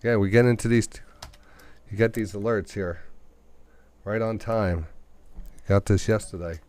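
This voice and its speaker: A man's voice: on the low side, measured pace, a little mellow. A man with a New York accent hosting live day trading commentary, thinking aloud and talking to the market and to himself. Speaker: day trading radio host.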